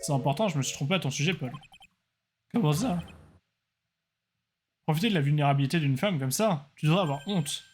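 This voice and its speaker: A man voicing a cold, poised male prosecutor who speaks in a measured, formal way. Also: fairly high pitch, expressive, a little mellow, soft background music, close to an everyday voice. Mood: stern.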